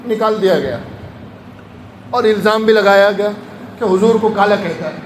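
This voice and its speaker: High-voiced man preaching in an echoey room. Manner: tells anecdotes, acting out voices of people in them. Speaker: Islamic preacher. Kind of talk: sermon-style storytelling lecture. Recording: echoey room with faint ambient noise.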